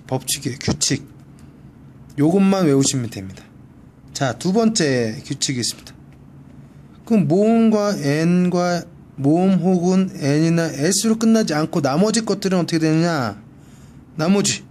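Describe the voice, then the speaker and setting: Male tutor, slightly high voice, very slow and patient, repeats each word; faint background hiss. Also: a little mellow. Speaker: Spanish tutor. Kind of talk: one-on-one grammar lesson. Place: library.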